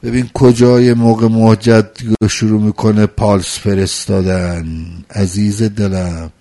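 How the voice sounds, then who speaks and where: Male preacher, gravelly voice, emotional sermon delivery with big swings in loudness. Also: lowish voice, little pitch movement. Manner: emotional, swings from loud pleading to soft intimate talk. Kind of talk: religious sermon.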